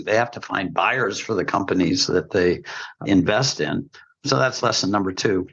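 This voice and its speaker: A man's voice: fairly low pitch, vocal fry, fairly bright tone, lo-fi sound. A man giving opinionated, emphatic commentary on a podcast, laying out his points like a lecture.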